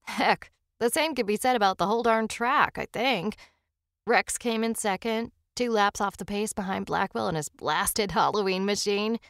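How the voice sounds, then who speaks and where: A woman's voice: mid-range voice, normal speed, fairly bright tone, no echo, clean studio sound, lightly acted. A woman voicing a talkative small-town father who rambles folksily through his racing memories. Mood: reminiscing. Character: chatty small-town father recalling old racing days.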